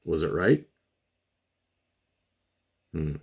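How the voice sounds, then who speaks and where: Middle-aged male host, very low gravelly voice, earnest solo commentary with slow emphatic pauses. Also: sing-song. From Trinidad and Tobago. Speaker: podcast host.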